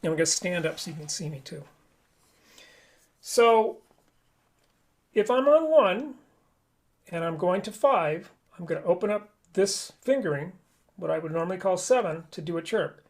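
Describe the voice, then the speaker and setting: A man's voice: sits high, lively intonation, moderate pace, long pauses. A man teaching a live online flute lesson, explaining each step patiently.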